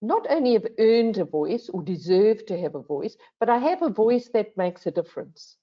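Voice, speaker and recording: In a reflective panel discussion, an older woman speaks with big pitch swings at a moderate pace in a mid-range voice. Earnest and emphatic, she frequently poses questions to herself and adds "right?", heard over dull, lo-fi video call audio.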